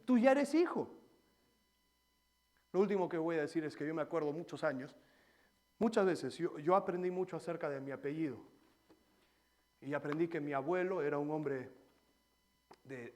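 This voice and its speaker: High-pitched pastor preaching in church, gets loud then goes quiet telling stories. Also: male voice. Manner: animated, swings between loud preaching and quiet storytelling. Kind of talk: sermon.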